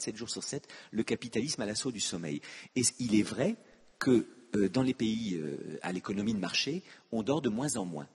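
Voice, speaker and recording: Husky-voiced older man lecturing in a hall. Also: medium pitch, a little mellow. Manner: witty, self-mocking asides to the audience. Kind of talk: public lecture. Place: conference hall. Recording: long hall reverb.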